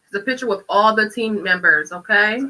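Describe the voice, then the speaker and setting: A woman's voice: medium pitch, normal speed, sharp tone, far from the mic, low-quality recording. A woman co-hosting a talk show, upbeat and teasing. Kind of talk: casual chat.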